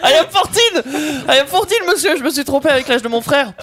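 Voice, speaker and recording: A man's voice: very high-pitched, lively intonation, fairly quick, very noisy. A man playing a fumbling teenage schoolboy. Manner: joking, fumbling. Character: teenage schoolboy pupil, clownish.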